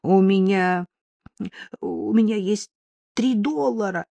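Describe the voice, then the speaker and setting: A woman's voice: mid-range voice, takes it slowly, creaky, warm tone, dry recording. A woman voicing a frightened young woman in an audiobook, pleading and tearful. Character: frightened young woman looking for her lost dog.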